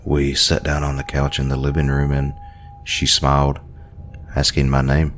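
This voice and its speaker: A man telling a horror story in a slow, brooding narration. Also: extremely low pitch, completely flat delivery, fairly bright tone, slight background noise.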